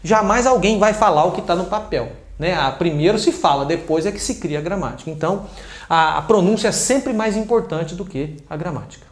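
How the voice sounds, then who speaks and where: A man's voice: high voice, a little fast. A man with a Brazilian Portuguese accent giving a casual, chatty English lesson, explaining through examples and often checking in with "né" and "ok". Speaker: English teacher. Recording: roomy echo.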